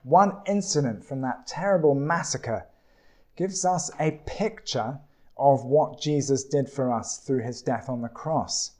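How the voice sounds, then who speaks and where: A man preaching a sermon in a slow, deliberate way, with dramatic pauses. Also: medium pitch, dark tone.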